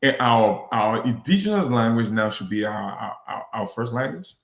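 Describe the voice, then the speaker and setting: A man hosting a discussion podcast, framing his questions haltingly, with many pauses and restarts. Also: mid-range voice, animated, a bit bright. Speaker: podcast host. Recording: echoey room.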